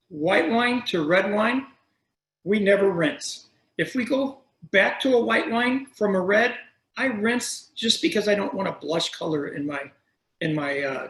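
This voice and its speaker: A middle-aged man hosts a wine tasting over a video call, explaining things in a relaxed, chatty way. His voice sits a little high for a man. The sound is roomy and echoey. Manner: chatty, storytelling, self-correcting. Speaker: wine shop owner hosting a tasting. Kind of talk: casual explanatory talk. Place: room at a wine shop.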